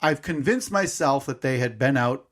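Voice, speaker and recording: He's a podcast co-host in his thirties, telling a rambling, hesitant story with many self-corrections in a casual chat. The voice is mid-range, animated and a little bright, at a normal speed.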